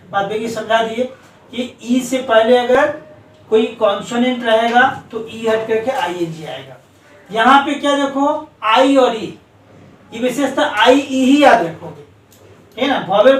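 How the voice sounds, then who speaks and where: High-voiced male grammar teacher. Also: slight background noise. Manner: keeps asking students rhetorical questions, spells letters out slowly. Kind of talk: classroom lesson explaining spelling rules. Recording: echoey room, voice from a distance.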